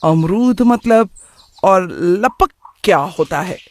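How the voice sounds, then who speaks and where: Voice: mid-range voice, slow pace, close to an everyday voice. A breezy, careless young man from a cartoon moral story, voiced by a narrator. He tosses off English slang without much thought. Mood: casual. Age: young adult. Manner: mixes English slang into his talk.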